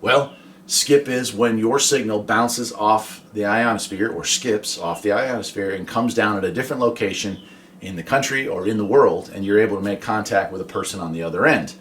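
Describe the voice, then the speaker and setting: A man from the United States, a hobby vlogger and CB radio operator, chats in a folksy way about his radio hobby and demonstrates radio calls. His voice is lowish and a bit bright, at a moderate pace, with a little hiss or hum on the recording.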